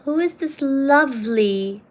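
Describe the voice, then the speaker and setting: A woman with a high, animated voice speaks at a slow pace while hosting a livestream. She chats casually and reads out viewer comments, teasing playfully and calling her viewers "darling."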